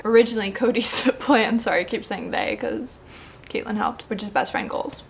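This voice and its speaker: A young woman in her twenties talks straight to camera in a casual vlog, her voice a little high with a gravelly fry at the ends of phrases. She is tearful and sniffly, gushing with excitement and breaking off to collect herself. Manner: emotional, teary and gushing. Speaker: vlogger. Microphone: camera mic with ring light.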